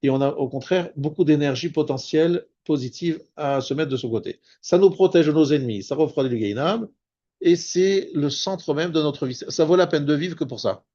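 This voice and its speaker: A man, a rabbi, teaching a spoken Torah lesson, explaining patiently and slowing down on Hebrew terms. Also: a little high, dark tone, dull audio. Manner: explanatory, repeats and restarts words, stresses Hebrew terms slowly.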